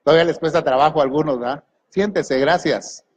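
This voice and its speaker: A man preaches as pastor in a slightly high, husky voice at a fairly quick pace. He puts questions to the congregation and gives them commands, and the recording has the long echo of a large church hall.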